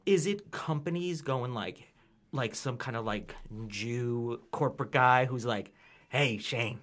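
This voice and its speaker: A man hosting a podcast, chatting casually and joking playfully in quick bursts. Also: mid-range voice, a bit bright. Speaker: podcast host. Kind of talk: casual chat.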